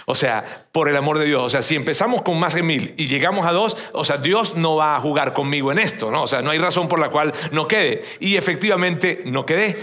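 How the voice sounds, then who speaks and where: A man's voice: on the high side, brisk, few pauses, sharp tone. A man in his fifties from Venezuela, a pastor giving a conversational sermon to his congregation, often repeating words and checking in with "you know?". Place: church before a congregation.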